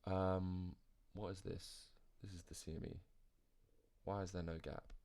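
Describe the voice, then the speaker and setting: A man's voice: deep voice, little pitch movement, unhurried, a little mellow. A man hosting a live trading stream, rambling and thinking aloud over charts as he answers viewer chat, tired and yawning. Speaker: crypto trading livestream host. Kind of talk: casual live chart commentary.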